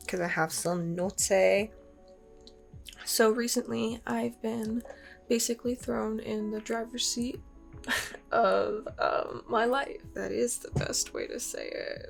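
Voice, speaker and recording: A woman in her twenties, a YouTuber, speaks casually and candidly to her channel in a personal vlog, rambling with many fillers. Her voice is medium in pitch and creaky.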